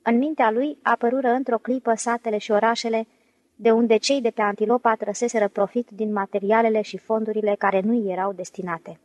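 Female audiobook narrator, higher register, dry close-miked read, lively storytelling. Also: no room sound, rough recording. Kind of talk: scripted narration of a novel.

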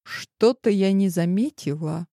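Woman playing a stern hurt wife, cool strict tone, mellow voice, slow. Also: medium pitch, no room sound, clean studio sound. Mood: cold. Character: stern, hurt wife holding back tears. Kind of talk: audiobook character voice.

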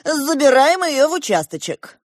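A woman reading an audiobook and voicing a rough, blustering male police chief who barks orders. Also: high-pitched, big pitch swings, normal speed, no echo, studio quality, pitched above the performer's own voice. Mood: leering.

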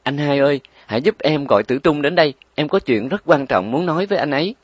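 A man's voice: on the high side, animated, fast, slightly rough, no echo, pitched above the performer's own voice. A man voicing a frail young mother who is desperate and pleading, in a weak, raised voice.

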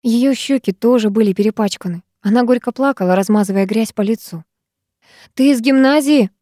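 Female audiobook narrator, first-person, measured and expressive, warm timbre. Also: medium pitch, no room sound, studio quality.

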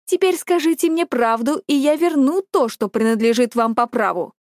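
A woman voicing a bold young male hero who speaks slowly and mockingly. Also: high voice, expressive, darkish tone, dry recording, studio quality. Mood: cocky.

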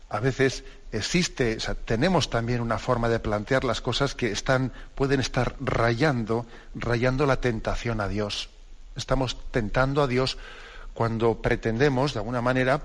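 A man, a priest teaching the catechism over the radio, speaks in an easy, conversational manner. His voice sits at an ordinary pitch for a man. He keeps turning to his listeners with little tag questions and hesitates on fillers as he thinks.

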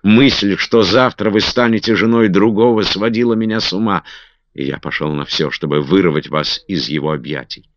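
A man's voice: deep voice, moderate pace, dry recording, pitched above the performer's own voice. A man playing a Spanish nobleman who speaks gallantly and hurriedly, pleading his case, on a dull, dry recording. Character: Spanish nobleman, smooth seducer turned sheepish.

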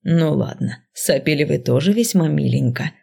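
A woman voicing a smug low-voiced dark mage. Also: lively intonation, creaky, slightly rough, full character voice. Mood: mocking. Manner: low, slow, mocking murmur. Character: smug teasing male dark mage dean.

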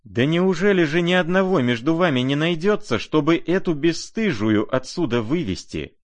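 A man's voice: a little high, animated, normal speed, no room sound, voice pushed up, natural voice. A man voicing a proud young woman, trembling with anger and indignation. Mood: outraged.

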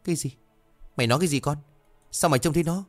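A man voicing a worried, soft-hearted village mother full of sympathy. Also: sits low, expressive, moderate pace, no echo, faint music behind. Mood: sorrowful. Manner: sorrowful, sympathetic.

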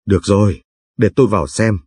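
A man's voice: lowish voice, brisk, darkish tone, husky, no room sound, clean studio sound. Man voicing a curt army officer. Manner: curt, brusque. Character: young male army officer, stern and curt.

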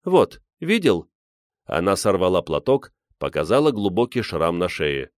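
Male audiobook narrator, low voice, lively delivery, dry sound. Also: moderate pace, dry recording. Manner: expressive, voices each character.

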